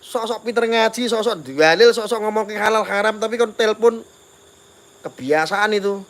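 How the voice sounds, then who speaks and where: A man's voice: sits high, moderate pace, fairly bright tone. A man with a Javanese accent, ranting on a live stream and repeatedly taunting viewers to phone him.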